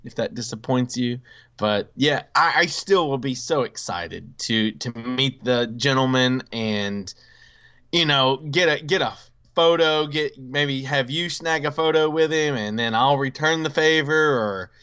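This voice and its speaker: A man co-hosting a casual podcast, sounding eager and stumbling into restarts as he talks. His voice is smooth and resonant at a middle pitch. The recording sounds somewhat dull and lo-fi. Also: bright, forceful tone. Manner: enthusiastic, halting with restarts. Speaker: podcast co-host. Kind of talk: casual chat.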